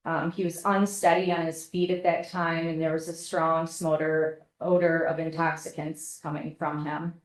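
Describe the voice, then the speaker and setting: Flat-voiced woman testifying, courtroom recording. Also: low-pitched. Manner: polite, measured, answering with "yes, sir". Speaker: paramedic witness testifying. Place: courtroom witness stand. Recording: echoey courtroom audio.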